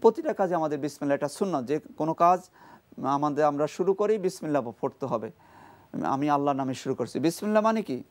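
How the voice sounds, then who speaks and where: A Quran reading teacher leading a televised class, repeating each syllable slowly and emphatically and explaining where the tongue and throat form each sound. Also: mid-range voice, lively intonation, darkish tone. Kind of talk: televised call-and-response recitation class.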